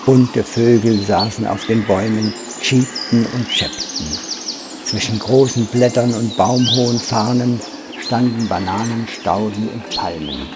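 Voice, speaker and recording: A man calmly narrating a children's story in a measured reading voice. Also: lowish voice, heavy background noise.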